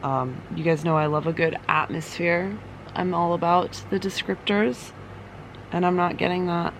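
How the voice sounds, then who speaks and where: Woman book vlogger rambling casually, bit of vocal fry, unimpressed, fan humming faintly behind her. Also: on the low side, fairly even intonation, moderate pace, a little hiss or hum, low-quality recording. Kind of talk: casual chat, reading vlog update. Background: running fan.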